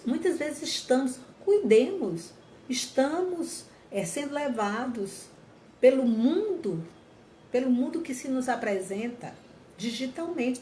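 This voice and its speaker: A woman with a high, warm voice gives an earnest, reflective talk on mental health to her viewers, frequently repeating and rephrasing what she says. The room is echoey, with faint ambient noise.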